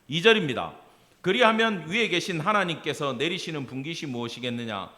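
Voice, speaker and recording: A man's voice: a little high, animated, a little fast, bright, forceful tone. A middle-aged man preaching a Wednesday sermon as pastor, acting out family dialogue and asking the congregation questions. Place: church sanctuary.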